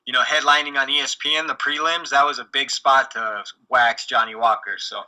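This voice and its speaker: A man's voice: medium pitch, steady tone, brisk, bright, forceful tone, low-quality recording. A man co-hosting a casual sports podcast, giving confident, opinionated fight analysis. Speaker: podcast co-host.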